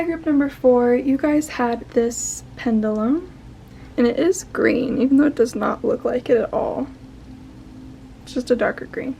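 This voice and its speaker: A young woman giving a casual tarot card reading, tired and a bit croaky, chatty and rambling with fillers and soft laughs. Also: a little high, a little hiss or hum. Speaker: tarot reader.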